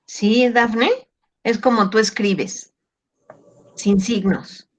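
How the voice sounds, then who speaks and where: A woman teacher reviewing an exam with her class over a video call, patient and gently teasing as she questions students. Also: a little high, fairly even intonation, very slow.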